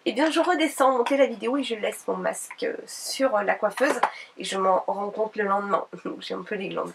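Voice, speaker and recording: A woman's voice: mid-range voice, brisk, creaky, background noise. A French woman presenting her shopping haul in a casual vlog, chatty, with many fillers and restarts. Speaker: beauty vlogger. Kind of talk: casual haul video, showing products. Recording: distant home camera recording.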